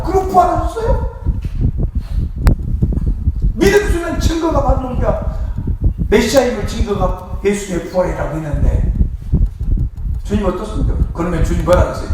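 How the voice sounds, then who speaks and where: A man's voice: extremely high pitch, expressive, brisk, long pauses. A man pastor delivering an impassioned sermon and leading the congregation in call-and-response. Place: large church hall. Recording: very echoey church hall, faint noise.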